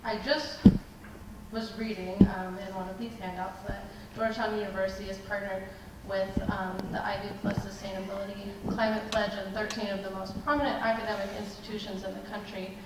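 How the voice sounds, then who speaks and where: A woman from Southern Maryland giving a measured public comment at a hearing, pausing often with ums. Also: mid-range voice, little pitch movement. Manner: measured, halting with many ums. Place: large public meeting room. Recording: echoey hall from a distance, background noise.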